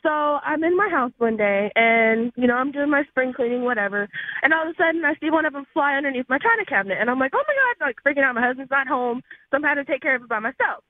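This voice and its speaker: A young woman, calling in to a radio show to tell an excited, laughing anecdote over the phone. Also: high voice, quick pace, no echo. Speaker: caller. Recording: tinny phone line.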